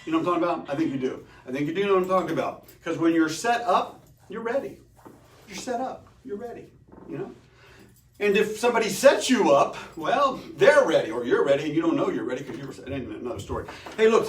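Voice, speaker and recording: Man, rambling jokey livestream host, lively swooping delivery, echoey dealership room, faint ambience. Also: far from the mic, a little hiss or hum. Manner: rambling, jokey, pitch swinging up and down. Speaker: host of a dealership live show. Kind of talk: solo livestream chat. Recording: echoey room, a bit off-mic.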